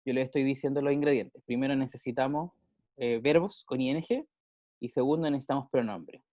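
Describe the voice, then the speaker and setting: A man's voice: mid-range voice, steady tone, brisk, dark tone, no room sound. A male teacher with a Chilean accent, explaining grammar in a casual way with everyday examples and frequent check-ins with his pupils. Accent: Chilean Spanish. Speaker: English teacher.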